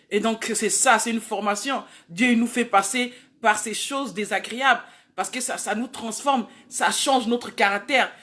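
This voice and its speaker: A woman's voice: fairly high pitch, fairly bright tone. A woman evangelist preaching a sermon, emphatic, repeating key phrases again and again.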